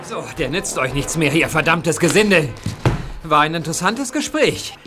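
A man's voice: fairly high pitch, expressive, over loud music, natural voice. A man playing a cocky teenage boy detective. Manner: brisk, cocky, wisecracking. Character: bold teenage boy detective, quick-witted.

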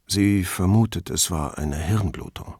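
A man voicing an older male count, grieving and halting, quick to flare up. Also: low-pitched, darkish tone, slightly rough, no echo, clean studio sound, heavily acted. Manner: halting, heavy with grief.

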